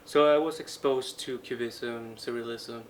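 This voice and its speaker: In an interview, a twenty-something Colombian friar of the Franciscan order, also a painting student, talks about his own experiences. His tone is level and medium-pitched, his speech broken into short, halting bits, with background noise noticeable throughout.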